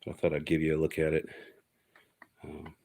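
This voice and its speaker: In a monotone with vocal fry, a man whose voice is extremely low briskly demonstrates a hobby electronics project off the cuff. He covers the technical points in a plain, matter-of-fact way while the background is noisy.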